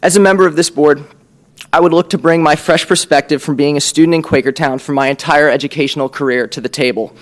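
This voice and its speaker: A young American man in his late teens with a raspy whiskey voice, giving a formal, earnest prepared speech at a meeting. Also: a little high. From Pennsylvania, USA. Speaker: student candidate for a school board. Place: public board meeting room.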